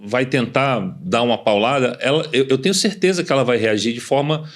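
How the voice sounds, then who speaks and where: A man's voice: mid-range voice, fairly quick. A man hosting a podcast, who rambles and repeats words as he restarts his sentences. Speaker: podcast host. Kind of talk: conversational podcast interview.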